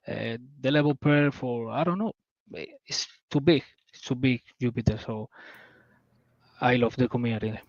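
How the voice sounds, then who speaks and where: This man, a native Spanish speaker from southern Spain, has a Spanish accent and a mid-range voice. He's a guest on a community call, chatting casually and searching eagerly for English words, in lo-fi audio with no echo.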